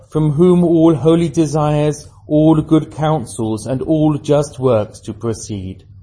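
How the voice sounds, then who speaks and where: A man leading formal church prayer, reciting in a solemn, measured liturgical manner. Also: fairly high pitch, warm tone, low-quality recording. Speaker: officiant at a church service.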